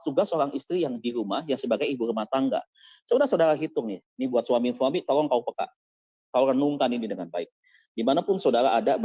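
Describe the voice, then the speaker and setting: A man's voice: mid-range voice, a little mellow, slightly rough, no room sound, lo-fi sound. A man preaching as pastor in an online service, exhorting his listeners and firing questions at them. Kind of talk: sermon over an online service. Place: online service on a video call.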